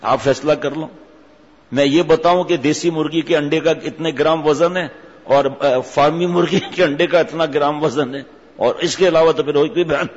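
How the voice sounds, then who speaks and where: A man delivers a sermon in an emphatic, rhetorical way, often scolding his listeners. His voice sits fairly high for a man. The sound is dull and lo-fi, with a long reverb that suggests a large hall or mosque. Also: steady tone. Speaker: preacher.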